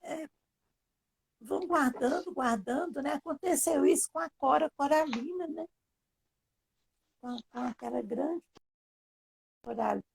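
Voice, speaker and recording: A woman from Brazil with a Minas Gerais accent, chatting on a live video call, enthusiastic and quick to agree. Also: high voice, vocal fry, slight background noise. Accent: Minas Gerais Brazilian Portuguese. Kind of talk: casual live chat.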